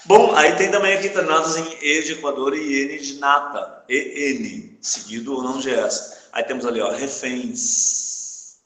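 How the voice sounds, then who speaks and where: A man's voice: mid-range voice, measured pace, a bit bright. Brazilian-Portuguese male teacher in an echoey classroom. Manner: checks in often with the class, asking "tá?". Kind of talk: live classroom lesson. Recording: echoey room.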